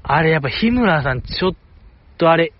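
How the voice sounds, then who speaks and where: A man's voice: on the high side, expressive, a little fast, no room sound, dull audio. A man hosting a casual solo podcast, rambling with enthusiasm as he comments like a fan. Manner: enthusiastic rambling fan commentary, soft self-deprecating jokes. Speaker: podcast host.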